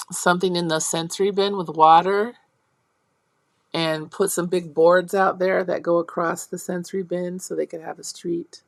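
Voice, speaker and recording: Gravelly-voiced woman college instructor. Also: dry recording. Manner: explains step by step and checks in with the class; acts out teacher and child lines in a high animated voice. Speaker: early childhood education instructor. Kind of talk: college lecture.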